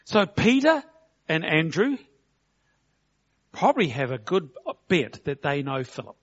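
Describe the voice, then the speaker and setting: A man's voice: a little high, big pitch swings, fairly bright tone. New man preaching, lo-fi. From New Zealand. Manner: conversational, slows for emphasis, acts out quotes. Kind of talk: sermon. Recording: dull lo-fi recording.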